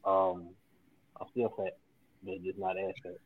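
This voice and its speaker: A man's voice: sits low, completely flat delivery, measured pace, slightly rough. A man calling in as a guest in casual, laid-back chat, his voice muffled as if heard through a wall. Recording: muffled, thin, distant headset audio.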